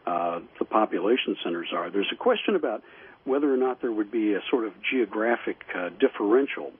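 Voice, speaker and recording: A man speaking as an interview guest over the phone, explaining in a halting, measured way. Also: lowish voice, animated, slightly rough. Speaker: radio guest, statehouse show host. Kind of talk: interview commentary. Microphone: telephone call. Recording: tinny, muffled phone line.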